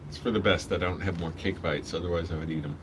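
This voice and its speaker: A man's voice: low voice, fairly even intonation, fast talker. A man rambling casually while eating, talking with his mouth full. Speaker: vlogger. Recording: clearly noisy background hum.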